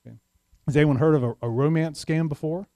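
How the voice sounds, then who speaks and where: A man's voice: fairly high pitch, fast talker, dark tone, dry recording. A man giving a community talk on scams, chatty and often checking in with the audience. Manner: conversational, asks the audience "right?". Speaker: sheriff's office speaker. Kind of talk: community presentation.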